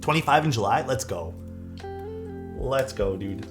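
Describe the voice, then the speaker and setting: A man's voice: mid-range voice, lively intonation, a little slow, music in the background. A man in his thirties chatting casually on a livestream, venting and rambling with many fillers and some swearing. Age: 30s. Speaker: keyboard-building streamer. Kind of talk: casual livestream chat reading viewer comments.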